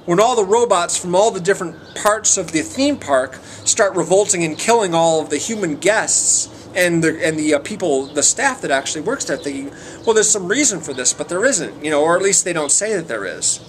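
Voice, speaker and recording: A man with a slightly high voice talks through a casual film review. He is hesitant and meandering, often searching for words and letting sentences trail away. Some background noise sits behind him. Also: expressive, fairly quick, few pauses. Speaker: amateur movie reviewer.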